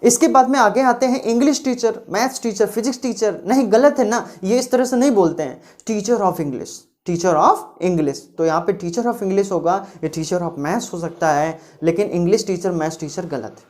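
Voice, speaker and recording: A woman teaching English grammar, explaining rules patiently and reading example sentences slowly and clearly. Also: medium pitch, a little mellow. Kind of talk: classroom grammar lecture.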